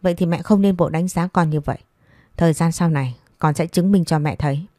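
A woman reading a story voices a patient young widowed daughter-in-law who pleads softly and respectfully. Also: on the low side, fast, no echo, studio quality, lightly acted. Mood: pleading.

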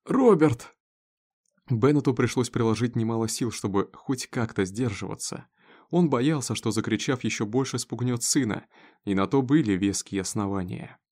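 A man reading a dramatic story aloud in a steady narrating voice. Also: medium pitch, normal speed. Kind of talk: scripted audiobook narration.

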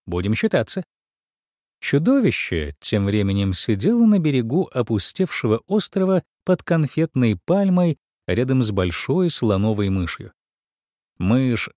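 A man narrating a children's storybook in an expressive, sing-song way. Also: fairly low pitch, no room sound, clean studio sound. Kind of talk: storybook reading.

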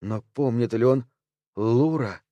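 A man reading an audiobook, voicing a small hooded childlike figure who speaks softly and timidly. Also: mid-range voice, slow pace, no room sound, highs cut off, close to an everyday voice. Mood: hushed. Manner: soft, hushed.

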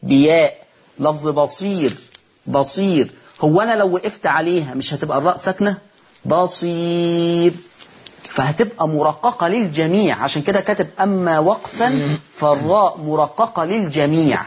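A man with an Egyptian accent teaching Quran recitation rules. He asks the class questions and answers them himself, and he says each word slowly as a model. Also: on the high side, breathy edge. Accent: Egyptian Arabic.

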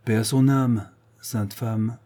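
A man's voice: medium pitch, fairly even intonation, slow, dark tone. A man voicing a blunt, shrewd male village priest in a read-aloud story, scolding and lecturing.

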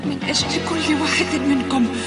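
A woman plays an earnest young boy footballer in a cartoon. The voice is very high, plucky and urgent, with music clearly behind it. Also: normal speed, close to an everyday voice. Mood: resolute.

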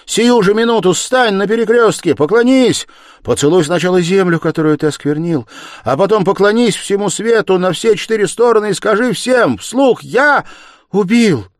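A man's voice: high-pitched, slow, long pauses, a little mellow, dry recording, studio quality, pitched above the performer's own voice. A male audiobook reader voicing an anguished, devout young woman who pleads fervently and cries out in distress. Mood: fervent urging. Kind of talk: audiobook character voice.

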